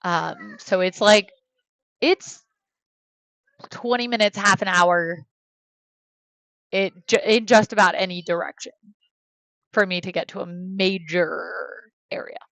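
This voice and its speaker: Streaming a life-sim game at home, this woman from the United States, in her thirties, rambles casually and hesitantly, leaning on fillers and turning to talk to her kids in between. She sounds fairly low, fairly bright and gravelly, taking her time with long pauses. The audio is dry and rough.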